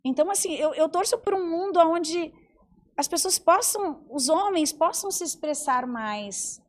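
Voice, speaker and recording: A woman in her forties, a psychologist and mentor, talking in an animated way on a podcast and acting out the voices she quotes. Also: very high-pitched, a little slow. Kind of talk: podcast conversation.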